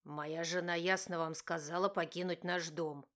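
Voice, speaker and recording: A woman voicing a curt, commanding young husband in an audiobook, with a gruff, clipped delivery. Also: on the low side, fairly even intonation, normal speed, fairly bright tone, natural voice. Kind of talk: audiobook narration.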